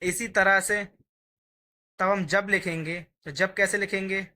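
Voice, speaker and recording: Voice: medium pitch, steady tone, measured pace, pushed and bright. A teacher giving a patient, step-by-step Urdu writing lesson, sounding out each letter while writing it.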